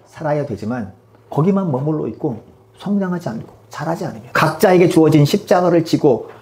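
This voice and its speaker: A man preaches to his congregation at a fast clip. His voice sits a little high, and he presses points home with pointed rhetorical questions. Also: expressive, darkish tone. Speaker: pastor. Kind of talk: sermon.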